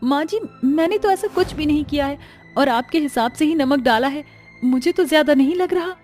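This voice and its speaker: A woman doing a high, pleading young bride. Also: normal speed, a little mellow, faint music behind, lightly acted. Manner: pleading, tearful.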